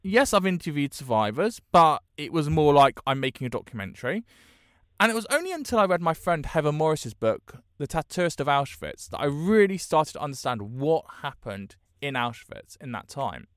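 Animated British man hosting a podcast. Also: on the high side, normal speed, smooth, no echo, studio quality. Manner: earnest, encouraging self-help talk. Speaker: podcast host. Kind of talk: podcast monologue introduction.

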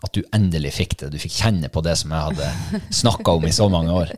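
A man with a very deep voice talks in casual conversation. He speaks slowly and thoughtfully, hesitating often and filling pauses as he recalls things. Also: darkish tone. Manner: slow, hesitant and reflective, many fillers. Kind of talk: casual chat.

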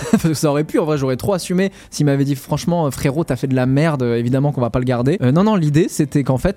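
Young man, slightly high voice, casual interview, animated storyteller, slangy, laughs a lot. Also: dry recording. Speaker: YouTuber being interviewed. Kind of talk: casual anecdote telling.

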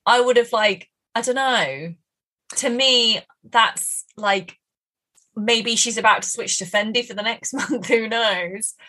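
A woman's voice: fairly high pitch, slow pace, bright, forceful tone. A woman co-hosting a podcast, chatting in a rambling way with lots of fillers and laughs mid-sentence. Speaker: podcast co-host. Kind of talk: casual chat.

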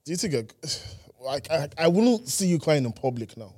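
A man's voice: a little high, big pitch swings, normal speed, a little mellow, husky. A young man in a casual group debate, chipping in with slangy, teasing remarks.

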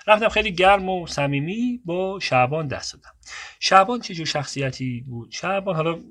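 A man's voice: on the high side, lively intonation, a bit bright. A man telling a long personal story in a casual, digressive way, often cutting himself off and moving on.

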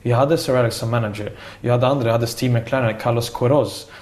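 A man in his forties with a middle-pitched voice tells stories in a relaxed interview. He is talkative and animated, often restarting his sentences as he goes. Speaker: former professional footballer, youth coach. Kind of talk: casual interview conversation.

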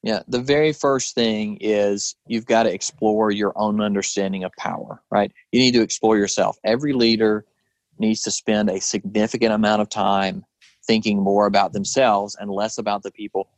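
A man's voice: lowish voice, brisk, no echo, poor audio. Give me a guest speaker, a man with a preacher's background, talking earnestly, dry and close. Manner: earnest, rhetorical questions, animated retelling. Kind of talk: conversational storytelling.

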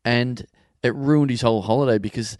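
A man's voice: medium pitch, brisk, no echo. Man, casual podcast co-host, swears freely, laughs easily, dry studio sound. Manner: animated, swearing, laughing often. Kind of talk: casual banter.

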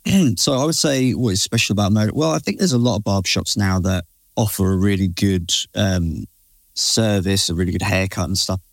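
Fast-talking, matey British man, lowish voice. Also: dry recording. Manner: informal, matey, opinionated, talks in slangy asides. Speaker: barber and creative director, interview guest. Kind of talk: casual interview chat.

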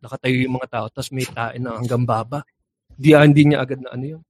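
Casual storytelling: a young man delivers a joke tale with energy, playing the characters, making sound effects, and laughing at his punchlines. He speaks briskly in a steady, mid-range, darkish voice, recorded dry.

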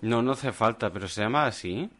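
A man's voice: fairly low pitch, animated, a little fast, fairly bright tone. Rambling joking man. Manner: joking, rambling anecdotes with many restarts. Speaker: podcast co-host. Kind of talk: casual chat before a live audience. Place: bar with a live audience.

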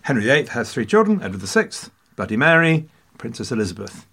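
A man's voice: medium pitch, big pitch swings, quick pace, fairly bright tone, husky. Playful Englishman telling history. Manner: playful, jokey asides, mock French phrases. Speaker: podcast host. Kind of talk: casual history podcast chat.

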